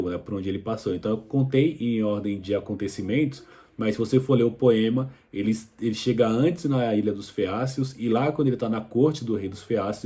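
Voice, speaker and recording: Male history host, low mellow voice, easygoing explainer with lots of restarts. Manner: relaxed retelling with frequent fillers and restarts; colloquial, addresses viewer directly. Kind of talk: casual educational explainer.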